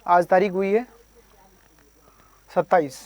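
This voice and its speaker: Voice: mid-range voice, fairly even intonation, takes it slowly, dry recording, dull audio. A coaching teacher giving an exam preparation lecture, drilling terms by repetition, quizzing listeners and using playful memory tricks.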